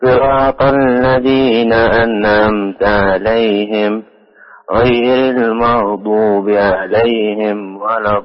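A male caller chants the verses at a very slow, measured pace. The line is dull and lo-fi. A long reverb hangs behind each phrase. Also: on the low side, little pitch movement. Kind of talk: Quran recitation.

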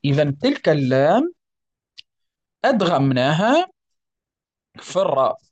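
A teacher with a Tunisian accent giving a tajweed lesson, often checking that students follow and slowing right down to recite the examples. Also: medium pitch, sing-song, a little mellow, no echo, dull audio. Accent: Tunisian Arabic.

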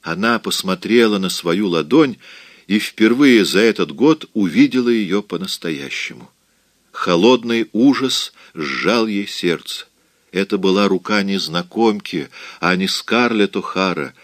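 A man narrating an audiobook in a measured, even storytelling manner. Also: low-pitched, dry recording, studio quality. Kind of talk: scripted narration.

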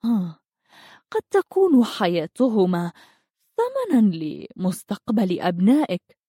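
A woman's voice: medium pitch, huge pitch swings, measured pace, dark tone, husky, dry recording, clean studio sound, full character voice. A woman voicing a scornful, pregnant princess who mocks her husband in a jeering way. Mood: mocking. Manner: mocking, jeering.

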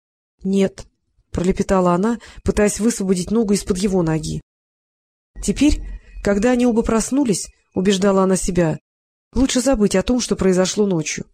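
An audiobook narrator reading a romance novel in a steady, expressive way. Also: mid-range voice, brisk.

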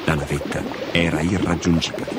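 A man narrating a children's story with an expressive, dramatic reading. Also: a bass voice, brisk. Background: music.

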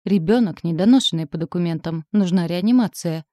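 A woman's voice: fairly low pitch, fairly quick, dark tone, no echo, studio quality, close to an everyday voice. A woman doing a stern stout lady doctor. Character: stout stern female doctor, coldly sarcastic.

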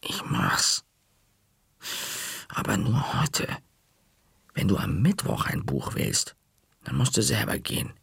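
Brief: male reader doing a timid boy, hushed and hesitant, raspy. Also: on the low side, wildly swooping pitch, slow pace, hardly any pauses, exaggerated voice. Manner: hushed, hesitant, often whispering. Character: nervous young boy, the storyteller. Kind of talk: audiobook character voice.

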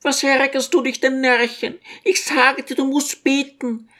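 Guy putting on a high shaky old mum voice for an audiobook, fretful and pleading, very pious. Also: little pitch movement, measured pace, bright, forceful tone, heavily acted. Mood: fretting. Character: fussy, pious, tearful old mother. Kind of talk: audiobook character voice.

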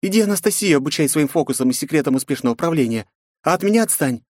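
A man's voice: on the high side, lively intonation, fast, a little mellow, dry recording, studio quality, pitched above the performer's own voice. A man voicing a defiant, sarcastic eighteen-year-old princess in an audiobook, with cheeky, mocking retorts.

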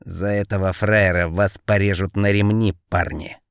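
A man voicing a low, menacing convict enforcer. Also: steady tone, normal speed, creaky, smooth, no echo, studio quality.

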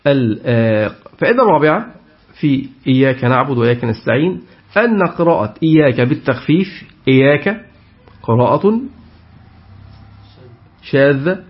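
A man giving a Quran tafsir lesson, putting questions to his class and repeating their answers. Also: medium pitch. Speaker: Quran teacher. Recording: dull lo-fi recording.

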